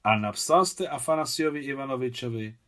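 A man reading a novel aloud, voicing an emotional, caring young woman who exclaims, a little raised in pitch. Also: fairly bright tone, lightly acted.

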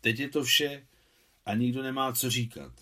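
A man voicing a quiet, grave, aging Soviet lieutenant colonel who speaks earnestly and with restraint. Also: medium pitch, lightly acted.

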